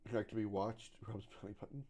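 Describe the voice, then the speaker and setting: Talking casually to viewers during a game livestream, this man in his thirties has a lowish, mellow voice with a level tone and quick pace. He wanders from point to point, repeats things, trips over his words, and glumly runs himself down.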